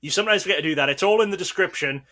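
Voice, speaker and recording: A man co-hosting a podcast, speaking fast with a bright, forceful tone and a fairly high voice. He chimes in briskly with reminders. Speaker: podcast co-host. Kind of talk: casual podcast chat.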